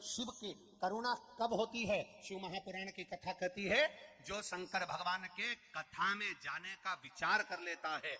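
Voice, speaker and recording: Preaching a devotional katha sermon at a large outdoor religious gathering, a Shiva Purana storyteller uses a high voice with a long reverb tail. He tells stories, repeats phrases and sings lines.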